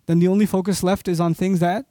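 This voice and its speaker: A man's voice: sits high, level tone, quick pace, dark tone, no echo, clean studio sound. A man from Pakistan giving an impassioned sermon, often putting rhetorical questions to his audience. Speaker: Islamic preacher.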